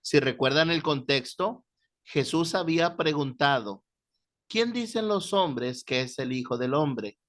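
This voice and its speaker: A man lecturing a Bible class. His voice sits slightly high. He tells stories in an animated way and throws himself into the quoted voices. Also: measured pace. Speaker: Bible teacher.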